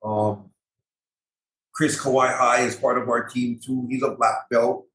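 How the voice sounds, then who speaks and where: A man's voice: mid-range voice, little pitch movement, a little slow, fairly bright tone. A man with a local Hawaiian accent chatting casually as an interview guest, repeating phrases and using colloquial grammar. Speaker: MMA fighter and gym owner, podcast guest. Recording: echoey roomy sound.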